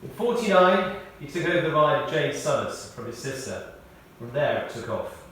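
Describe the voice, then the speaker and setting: A male eulogist reads a prepared memorial tribute in a large church, telling stories in a measured way with dry wit. His voice runs on the high side, very animated and fairly bright. Standing far from the mic, he comes across off-mic, with faint noise and heavy church reverb.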